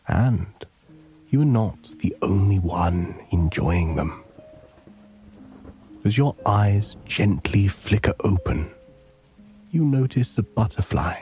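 A man narrating a sleep story in a soothing, hushed, often breathy delivery, guiding the listener into relaxation. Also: deep voice. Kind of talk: slow guided relaxation and bedtime story narration.

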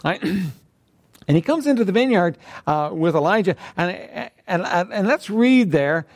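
A man preaching a conversational Bible-teaching sermon, clearing his throat often. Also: high voice, animated, moderate pace.

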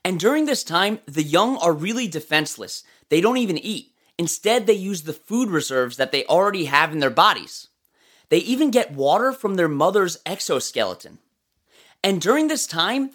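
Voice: medium pitch, sing-song, normal speed, a bit bright. An educational presenter narrating in a nature documentary style, explaining things informally and speaking directly to listeners.

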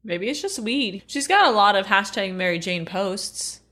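A woman's voice: mid-range voice, very animated, moderate pace, bright, forceful tone. A woman co-hosting a podcast in casual, comedic chat, earnest and playful, often asking questions. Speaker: podcast co-host.

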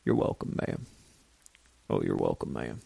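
A man putting on the voice of a laid-back young country man with a low, gravelly, half-awake drawl. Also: huge pitch swings, a little slow, dark tone, a little hiss or hum, heavily acted. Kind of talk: comedic impression.

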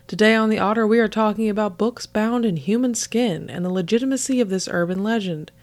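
A woman's voice: mid-range voice, brisk. A woman hosting a podcast with scripted narration in a playful, theatrical manner, her voice a little affected by being sick. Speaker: podcast host.

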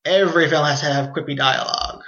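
High, bright-voiced young man, halting. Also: fairly even intonation, a little hiss or hum. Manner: hesitant, repeats words when starting. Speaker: podcast co-host. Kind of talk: casual film discussion. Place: apartment with open windows. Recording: roomy, dull lo-fi sound.

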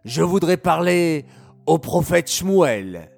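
A desperate old king wails and commands in a sing-song, lamenting voice, as a man puts him on for a children's story. The voice sits high and gravelly, in slow, drawn-out phrases. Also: big pitch swings, a little mellow, soft background music, exaggerated voice. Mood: commanding.

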